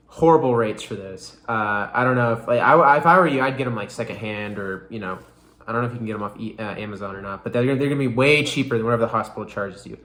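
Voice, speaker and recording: A man's voice: mid-range voice, pushed and bright, roomy sound. A young man giving a casual recovery update on his vlog, rambling with lots of "like" and "you know.". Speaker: vlogger.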